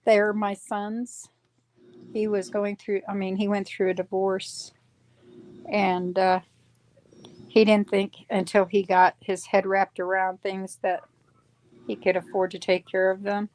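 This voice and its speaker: A woman's voice: medium pitch, flat delivery, unhurried, pauses often, darkish tone. A woman in her sixties from Wisconsin chatting on a live stream while she crafts, rambling and correcting herself as she goes. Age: 60s. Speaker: livestream crafter. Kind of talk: casual chat.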